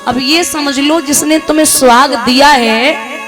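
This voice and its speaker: High-voiced woman telling a devotional tale. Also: unhurried. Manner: emotional, addresses listeners directly. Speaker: devotional storyteller. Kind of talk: dramatic devotional storytelling with moral preaching. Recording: music playing behind.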